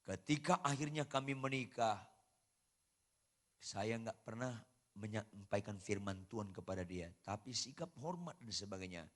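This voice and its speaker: A man's voice: fairly low pitch, lively intonation, normal speed. Impassioned preacher man. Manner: swings from hushed asides to shouted emphasis. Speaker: pastor. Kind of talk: sermon.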